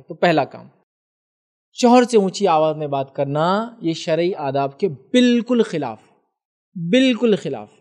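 A higher-voiced man explaining religious rulings. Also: darkish tone. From India. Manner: explanatory, often checks the listener understands. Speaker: Islamic scholar answering viewers' questions. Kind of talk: religious question-and-answer talk.

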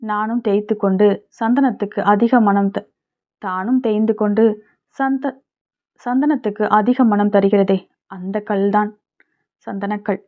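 A woman reading as a gentle young man, tinny. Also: medium pitch, steady tone, unhurried, pauses often, natural voice. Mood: tender. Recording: tinny phone-like sound.

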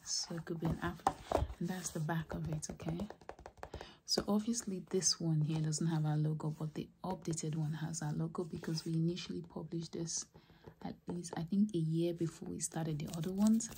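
A woman with a low voice delivers whispered ASMR chat, slipping between breathy whispers and soft speech. She is close to the microphone, and the recording has clear background noise with clicks. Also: steady tone, normal speed. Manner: soft, repetitive trigger words. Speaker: ASMR host.

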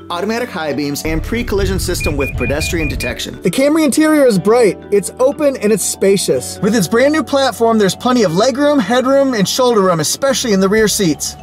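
A middle-aged man presents a car walkaround outdoors at a race track, sounding upbeat and salesy. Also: high-pitched. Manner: enthusiastic, salesy. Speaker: car reviewer. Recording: music bed under voice.

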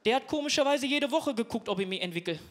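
A man's voice: extremely high pitch, lively intonation, fast. A young man from Duisburg doing self-mocking stand-up comedy, chatting with the audience. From Duisburg, Germany. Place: stage before a live audience. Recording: live show with audience and noise.

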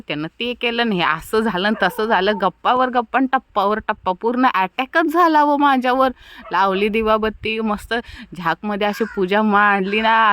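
A woman's voice: medium pitch, fairly bright tone. A young woman, narrating her village day in a chatty, playful vlog. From Maharashtra, India. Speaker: vlogger.

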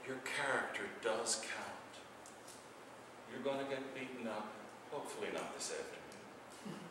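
A middle-aged man, a priest, preaching a sermon with big swings between loud passages and hushed ones. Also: mid-range voice, animated, measured pace, noisy background. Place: church sanctuary. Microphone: far camera. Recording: echoey church from far off.

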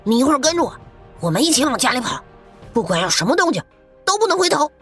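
A man voicing a bold young village boy in a horror audiobook, in a squeaky falsetto with an urgent, quick delivery. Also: very animated, a bit bright, soft background music, exaggerated voice.

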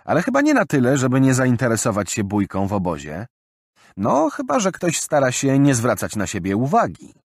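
A man's voice: mid-range voice, big pitch swings, moderate pace, husky, no room sound, voice pushed up. A man voicing a wry young man who teases and mocks with dry humor. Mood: wry, mocking. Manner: dry, mocking.

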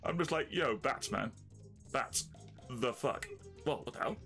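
A man giving live gameplay commentary, excitable and swearing often, with loud bursts of laughter. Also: mid-range voice, unhurried, faint music behind. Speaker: let's play streamer.

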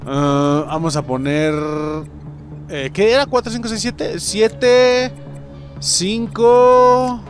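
Mexican guy yelling and cursing through gameplay, kinda high voice, music low in back. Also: extremely slow. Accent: Mexican Spanish. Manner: excitable, swears a lot, jumps to yelps and shouts. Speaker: gaming channel host. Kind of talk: casual gameplay commentary.

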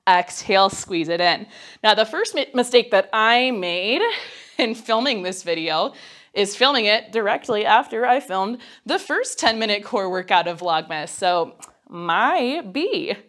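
With lively intonation and a measured pace, a young woman in her twenties guides mat pilates while exercising herself, indoors in a small home studio. Her mid-range, fairly bright voice sounds blocked and nasal as she gets over a cold, and the workout leaves her a touch breathless. She encourages and chats through each countdown.

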